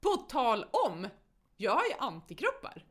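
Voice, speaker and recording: A woman in her thirties co-hosting a podcast, chatting casually with quick, playful, joking asides. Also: fairly high pitch, wildly swooping pitch, a bit bright. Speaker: podcast co-host. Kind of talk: casual chat.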